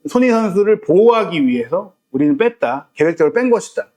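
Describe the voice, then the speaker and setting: A man co-hosting a football analysis talk show, explaining tactics in a lively way and acting out what players say at halftime. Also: high voice, quick pace. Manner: animated, acts out locker-room quotes.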